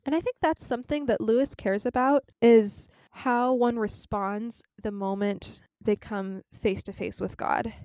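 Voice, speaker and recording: A woman co-hosting a podcast, earnest and measured, who also reads scripture aloud. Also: on the high side, a little mellow, no echo, clean studio sound. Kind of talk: conversational discussion, reading scripture aloud.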